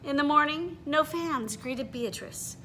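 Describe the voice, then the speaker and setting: A woman reading a children's picture book aloud in an expressive, animated way, pausing to put questions to her listeners. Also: sits high, a little hiss or hum, rough recording. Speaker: read-aloud storyteller.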